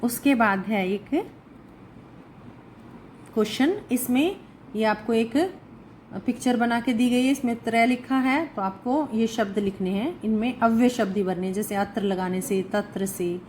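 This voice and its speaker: A woman's voice: a little high, a little slow, a little mellow, a little hiss or hum, poor audio. A woman teacher giving a recorded lesson, reading each phrase aloud and then translating and explaining it. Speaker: Sanskrit teacher.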